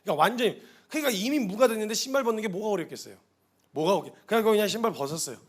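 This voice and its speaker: A male missionary preaching a sermon to a seated church congregation, telling the story with animated delivery and acting out quoted dialogue. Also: high voice, racing.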